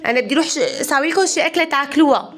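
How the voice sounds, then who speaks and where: Fast, bossy mother. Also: sits high. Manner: scolding, bossy, quick-fire. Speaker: mother in a family skit. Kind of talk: acted family sketch.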